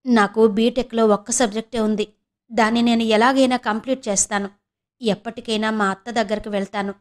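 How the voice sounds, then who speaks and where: A woman voicing a quick-tongued young student niece who chats, teases and grumbles to herself. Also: a little high, fairly even intonation, close to an everyday voice. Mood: earnest. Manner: chatty, teasing, grumbling asides.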